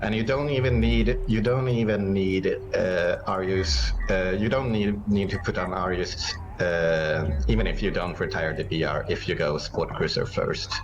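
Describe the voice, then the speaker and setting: This is a man with a low voice and an accent from outside English, co-casting a strategy game match. He rambles, piling up fillers and restarts. Steady noise sits under the recording. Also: normal speed, hardly any pauses, lo-fi sound. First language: not English. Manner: rambling, many fillers, laughs often. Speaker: co-caster and player. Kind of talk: casual game commentary.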